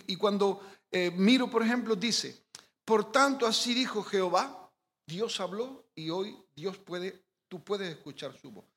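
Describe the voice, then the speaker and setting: A man's voice: high voice, fairly bright tone. A man from giving an informal Bible teaching, conversational, with many restarts and tag questions. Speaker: preacher. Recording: long hall reverb.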